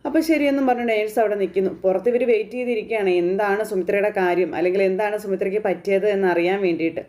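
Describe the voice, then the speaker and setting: A woman narrating a soap episode recap at a rapid clip, her voice mellow and soft-edged. She talks in a loose, chatty way and keeps linking events with little fillers. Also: mid-range voice. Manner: chatty, colloquial, strings events with frequent fillers. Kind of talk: casual retelling of a TV serial episode.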